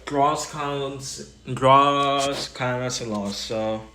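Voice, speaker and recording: Brief: male streamer, mid-pitch, rambling gaming chatter with a faint hum behind. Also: steady tone, sharp tone. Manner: rambling, talks to chat while playing; quick bursts, trailing off mid-sentence. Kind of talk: casual gaming livestream chat.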